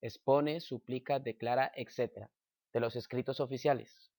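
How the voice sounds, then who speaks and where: A man reading a grammar lesson aloud at a slow, measured pace, giving example sentences. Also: mid-range voice, fairly even intonation, darkish tone, no echo, clean studio sound. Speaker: teacher.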